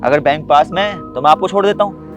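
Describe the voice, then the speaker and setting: A man's voice: fairly high pitch, quick pace, music in the background, close to an everyday voice. An actor playing a polite, helpful young man on his way to a job interview. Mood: friendly. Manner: polite, friendly and calm. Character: kind, humble young man. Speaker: job candidate.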